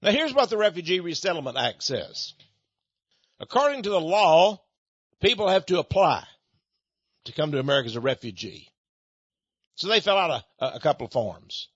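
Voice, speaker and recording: Sarcastic high-voiced man, dull recording. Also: sing-song, moderate pace, long pauses, a bit bright, husky, dry recording. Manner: sarcastic, mocking. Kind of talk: opinionated monologue. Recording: dull lo-fi sound.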